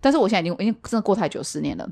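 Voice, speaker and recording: Woman cohost, quick and very expressive storyteller. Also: medium pitch, gravelly. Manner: animated storytelling, laughs often, acts out quotes. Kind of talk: casual ghost-story chat.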